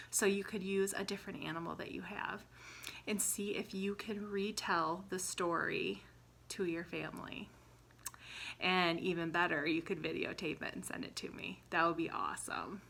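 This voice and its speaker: A woman teacher with a gravelly, mid-range voice retells a story for young children using props, moving at a moderate pace. She speaks simply, asks questions of the listener, and animatedly acts out exclamations.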